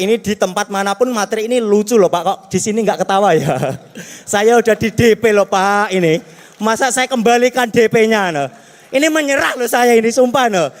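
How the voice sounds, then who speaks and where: A man with a Javanese accent performing a stand-up comedy routine, chatty and self-mocking, constantly addressing the audience. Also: high-pitched. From Java, Indonesia. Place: stage in a large hall. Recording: long hall reverb.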